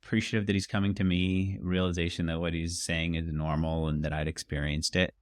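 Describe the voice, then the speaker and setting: Deep-voiced middle-aged man, reflective. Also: little pitch movement, a little fast, no echo, clean studio sound. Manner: reflective, self-conscious, laughs nervously. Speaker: podcast co-host and founder. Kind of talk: candid conversation.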